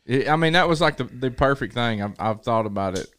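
A man's voice: mid-range voice, animated, brisk, fairly bright tone. A man co-hosting a podcast, chatting easily and chuckling as he talks. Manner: easygoing, chuckling. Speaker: podcast co-host and evangelist. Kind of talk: casual podcast chat.

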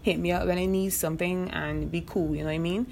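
A young Barbadian woman hosts a podcast, talking fast in a fairly low, steady voice that is creaky and a little mellow, with a little hiss or hum behind her. The casual monologue is frank, with free swearing and frequent asks of "you know what I mean."

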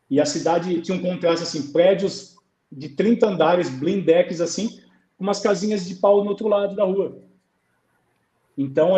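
Man, Brazilian goalkeeper coach, storytelling, mellow tone, roomy video call. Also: on the high side. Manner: storytelling, acts out dialogue. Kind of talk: conversational interview on a live stream.

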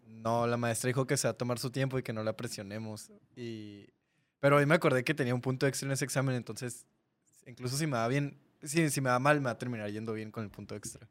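Dame un joven mexicano charlando informalmente. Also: male voice, medium pitch, steady tone, fast. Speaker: show co-host. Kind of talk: casual sports talk show chat.

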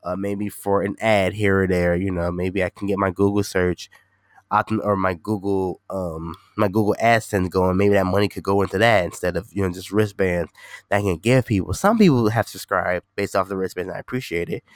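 A man with a low voice and fairly even intonation talks a little fast in a dry, studio-quality recording. He's a podcast host and gaming streamer doing a casual solo show, rambling and repeating himself while sounding nasal and stuffed up from being slightly sick.

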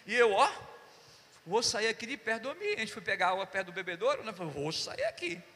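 A pastor preaching a sermon, telling stories and acting out voices while calling "Amém?" to the congregation. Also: male voice, sits high, fast talker, slight background noise. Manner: animated, acts out dialogue, calls "Amém?" to the congregation. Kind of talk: sermon with storytelling. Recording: long church hall reverb.

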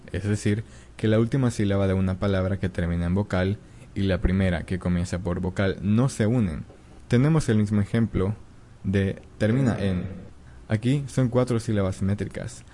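A man narrating a scripted lesson in a clear, measured, explanatory way. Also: on the low side, warm tone. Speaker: teacher.

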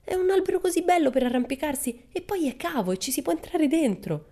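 A woman's voice: high-pitched, very animated, a little fast, dark tone, voice pushed up. A woman voicing a timid, easily frightened little girl who pleads. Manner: pleading and fearful.

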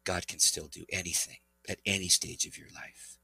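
A middle-aged man, a pastor and interview guest, telling an earnest, animated testimony. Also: low voice, moderate pace, vocal fry, slightly rough, rough recording. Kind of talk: interview storytelling.

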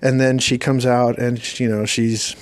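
A man's voice: mid-range voice, level tone, unhurried, dry recording. A man giving a sarcastic, rambling recap of a movie's plot in a casual, mocking tone. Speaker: movie reviewer.

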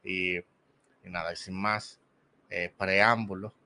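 A male host runs a relaxed online interview. His voice sits a little low but sounds bright and forceful. He talks chattily, fills gaps with "eh" and slips English words into his Spanish. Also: slow pace. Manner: chatty, lots of fillers, mixes in English words. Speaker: podcast host.

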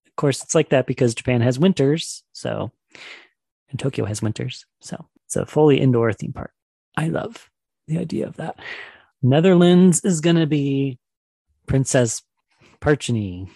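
A man's voice: medium pitch, animated, normal speed, vocal fry, pauses often, dark tone, husky, dry recording. A man co-hosting a podcast and running a quiz game, chatty and enthusiastic, laughing often. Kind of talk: casual chat.

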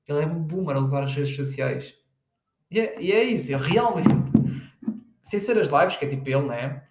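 A man's voice: fairly high pitch, expressive, moderate pace, a little mellow. Rambling slangy Portuguese guy in echoey room. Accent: European Portuguese. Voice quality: slangy, rambling, lots of fillers. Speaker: podcast host. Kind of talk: casual solo podcast chat.

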